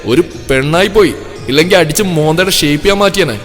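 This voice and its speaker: A man voicing a blunt, hot-tempered young village man who teases and scolds loudly. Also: medium pitch, normal speed, close to an everyday voice. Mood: angry. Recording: long reverb with soft music.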